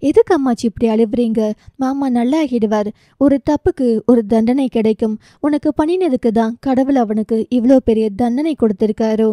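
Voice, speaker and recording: A gentle young woman speaks soothing, reassuring words in an audiobook novel, as a woman narrator puts her on. The tone is mellow and dark but set fairly high, in a close, dry recording. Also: moderate pace, no room sound, close to an everyday voice. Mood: consoling.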